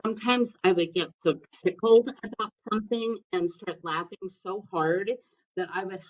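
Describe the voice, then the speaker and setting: A woman's voice: medium pitch, moderate pace, dull audio. A woman who is an instructional specialist, talking as a guest in a podcast interview, chatty and emphatic, telling stories.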